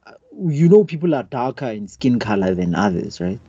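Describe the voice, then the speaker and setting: Guy, husky mellow voice, keeps stalling and restarting while he argues, kinda dull lo-fi sound. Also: fairly low pitch, very animated, normal speed, dry recording. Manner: hesitant, searching for words, argumentative. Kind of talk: casual debate.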